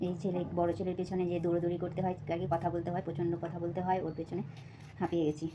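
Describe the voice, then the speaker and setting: A young mother of two with a Bengali accent vlogs from her home kitchen, chopping vegetables while chatting softly and a bit breathlessly, treating viewers as friends with plenty of fillers. Her lowish voice is monotone and rapid-fire, and the dull audio carries background noise.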